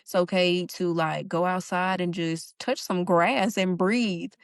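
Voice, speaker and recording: Young mom chatting earnestly, says y'all, dry close sound. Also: female voice, on the low side, fairly even intonation, measured pace, clear, resonant tone, no room sound. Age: young adult. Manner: earnest, Southern-tinged informal speech with y'all. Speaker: stay-at-home mom, podcast guest. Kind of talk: casual heartfelt conversation.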